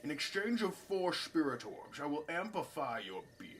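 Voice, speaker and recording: A man's voice: fairly high pitch, very animated, a bit bright, a little hiss or hum. A man putting on an old man's formal voice. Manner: slow, formal reading in a put-on voice.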